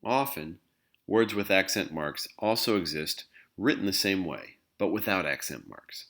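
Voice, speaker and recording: Deep-voiced man teaching language. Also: animated, unhurried, a bit bright. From English-speaking country. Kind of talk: scripted instructional narration.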